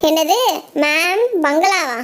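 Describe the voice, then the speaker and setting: A woman's voice: very high-pitched, slow pace, a bit bright, heavily acted. A woman voicing Reni, a schoolgirl doll who scolds and teases her dreaming friend in a doll story. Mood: teasing. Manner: scolding, teasing, bossy.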